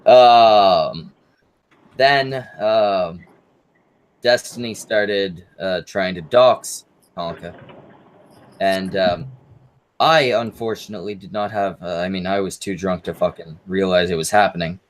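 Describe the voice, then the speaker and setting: Halting, sweary man on a livestream, lowish voice. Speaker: livestream host. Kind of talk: casual livestream chat. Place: online group voice call.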